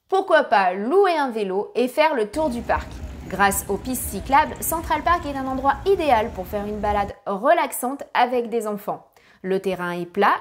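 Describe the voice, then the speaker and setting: A woman's voice: a little high, slight background noise. A woman narrating a family travel guide with practical tips, now and then apologizing for her English pronunciation.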